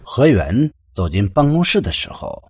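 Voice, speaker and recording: A man narrating a ghost story in an expressive, dramatic reading style. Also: medium pitch, moderate pace, a little hiss or hum.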